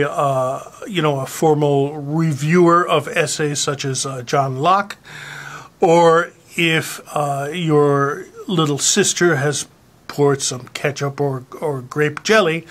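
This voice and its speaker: A presenter with a mid-range voice reads aloud to listeners at a slow pace, using a deadpan, mock-serious delivery. The speech is halting and hesitant, as though each phrase is being weighed.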